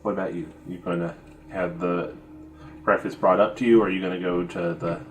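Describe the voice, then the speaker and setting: A woman's voice: rumbling low, fairly even intonation, fairly quick, a little hiss or hum. A woman narrating a tabletop game as its game master, loose and casual. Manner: loose, casual, swears and laughs.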